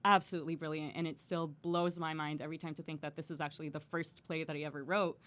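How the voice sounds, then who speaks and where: A woman from Israel with a slightly low voice talks as a guest actress. Her delivery is chatty and animated, with a joking edge, in a relaxed interview. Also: quick pace. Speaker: stage actress. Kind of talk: casual interview talk.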